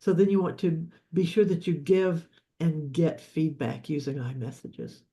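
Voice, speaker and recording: A man's voice: a little high, unhurried, warm tone, lo-fi sound. A man teaching a live session on leadership and communication, explaining in a loose, repetitive way with frequent restarts. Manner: explanatory, repeats words and restarts often. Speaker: leadership coach.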